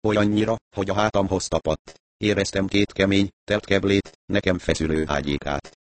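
A man reading a first-person mystery story aloud, in measured storytelling narration. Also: low-pitched, fairly even intonation. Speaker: audiobook narrator.

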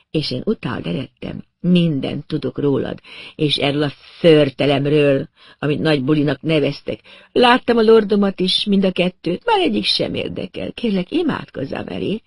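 A man's voice: a little high, creaky, darkish tone, slightly rough, no room sound, heavily acted. A man reading an audiobook, voicing an unhinged young woman who is obsessive and menacing. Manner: feverish, fixated, menacing.

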